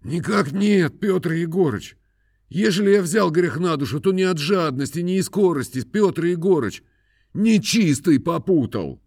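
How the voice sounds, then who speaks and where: A man voicing a timid lame peasant poacher who pleads in a shaky falsetto, fumbling and humble. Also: lively intonation, unhurried, darkish tone, slightly rough, no room sound, studio quality, full character voice. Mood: pleading. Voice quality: quavering falsetto. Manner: humble, fumbling, full of hesitations.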